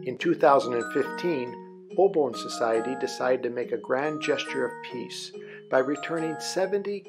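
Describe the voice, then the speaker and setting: A man giving scripted documentary narration in a measured, even way. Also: mid-range voice.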